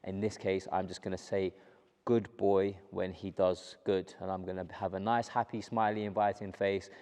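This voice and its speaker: A man working as a dog trainer, explaining his method to the camera in a calm, steady way and repeating the key points. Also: sits low, normal speed. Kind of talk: instructional talk to camera.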